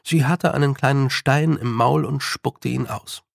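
Slow, gravelly male audiobook narrator. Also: medium pitch, no echo, studio quality. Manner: calm, unhurried reading. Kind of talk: scripted narration.

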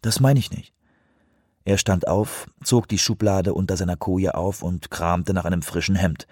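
A man reading an audiobook in a steady, even narration. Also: deep voice, normal speed, no room sound, clean studio sound. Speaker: audiobook reader. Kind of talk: scripted narration.

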